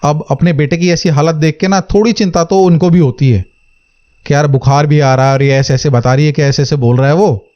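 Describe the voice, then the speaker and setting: A man's voice: a little high, steady tone, brisk, a little mellow, highs cut off. A man telling a horror story in a casual conversational way, talking straight to his listeners and lightly acting out the characters' lines. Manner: conversational, addresses listeners directly, acts out dialogue lightly.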